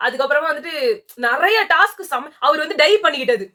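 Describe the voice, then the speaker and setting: High, quick woman reviewer, scornful and lively, casual chat. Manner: animated, mocking, talks over her co-host. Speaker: reality show reviewer.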